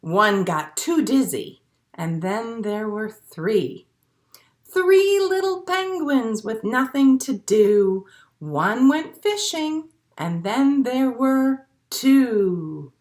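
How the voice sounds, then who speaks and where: It's an animated storytime for young children: a librarian reads picture books and rhymes aloud in simple, encouraging phrases. She speaks very slowly, with a high-leaning and very animated voice.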